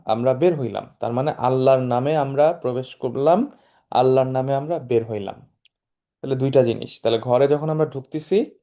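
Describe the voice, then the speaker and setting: A man teaching an online Arabic class, explaining each word and repeating phrases slowly. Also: mid-range voice, warm tone. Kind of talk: recorded online class lecture.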